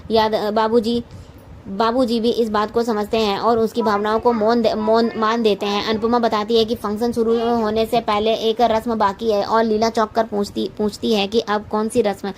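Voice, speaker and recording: Female recap narrator for a TV serial, monotone, stumbles and restarts often. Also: on the high side, moderate pace. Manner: frequent restarts and self-corrections.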